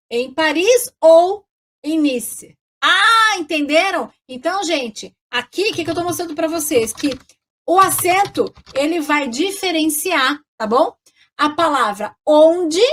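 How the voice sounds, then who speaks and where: Woman, high voice, casual French teacher, chatty, keeps checking in with listeners, slows down on French words. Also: a bit bright. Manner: chatty, checks in constantly with tag questions; spells and pronounces French words slowly. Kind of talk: casual video lesson.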